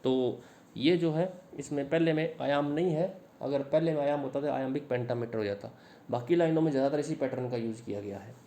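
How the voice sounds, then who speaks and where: A man who teaches English literature, explaining a sonnet in Hindi to students and reading English lines slowly. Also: medium pitch, warm tone. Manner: explains in Hindi, slow English phrases read aloud; addresses students directly. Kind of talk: Hindi lecture on an English poem.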